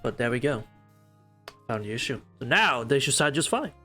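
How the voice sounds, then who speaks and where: A man's voice: medium pitch, sing-song, normal speed, sharp tone, soft background music. A man casually reading a visual novel aloud on stream, chatty and swearing freely.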